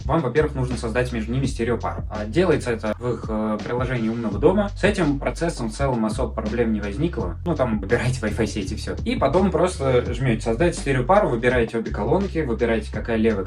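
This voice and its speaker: A man's voice: medium pitch, animated, fast, hardly any pauses, music in the background. A man giving a casual, colloquial product review as a video blogger, airing his complaints.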